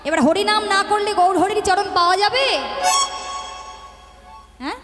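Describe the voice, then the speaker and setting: A woman's voice: very high voice, normal speed. A woman kirtan singer, preaching to a devotional gathering and coaxing the audience with teasing questions. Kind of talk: devotional sermon and chanting. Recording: echoey hall with loud music.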